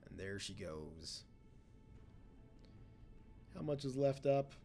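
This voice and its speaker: A young man hosts a let's play, rambling casually about the game, talking to it and making fun of himself. His voice sits on the low side, dark and sing-song, slow with vocal fry. He's a native English speaker, with soft music in the background.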